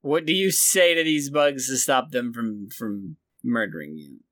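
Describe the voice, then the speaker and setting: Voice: mid-range voice, very animated, measured pace, a bit bright, no echo, clean studio sound. A game master improvising narration for a tabletop game, casually talking with the players.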